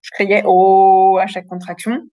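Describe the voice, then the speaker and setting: Woman in her 30s telling her story, kinda high voice, lots of euh, dry close sound. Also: a little fast, no room sound, lo-fi sound. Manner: animated, frank storytelling with many fillers. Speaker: interview guest. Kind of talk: casual birth story.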